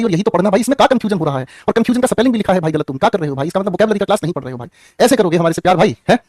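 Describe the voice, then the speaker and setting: A young man from the teaching English grammar in an online class, teasing students by name with quick jokes. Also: on the high side, darkish tone, no echo, studio quality.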